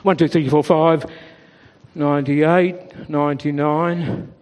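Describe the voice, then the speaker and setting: A man voicing a patient, weary adult shepherd who speaks calmly and steadily. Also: on the high side, slow. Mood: concerned. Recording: long reverb.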